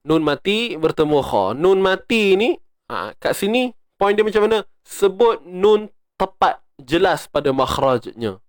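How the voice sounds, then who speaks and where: A man with a Malaysian Malay accent leads a recitation lesson, walking through each rule step by step and breaking into chanted verses. His voice is smooth and fairly high for a man. The sound is close and dry. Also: sing-song, a little slow, dry recording. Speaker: Quran recitation teacher.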